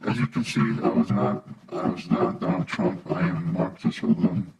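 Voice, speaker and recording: A man's voice: wildly swooping pitch, vocal fry. A man chatting casually and rambling, his voice run through a demonic voice changer and heard over a muffled, lo-fi line. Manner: rambling, quick, loose filler words. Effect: deep demonic voice changer. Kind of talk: casual chat. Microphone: headset mic played through speakers. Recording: muffled lo-fi line with faint noise.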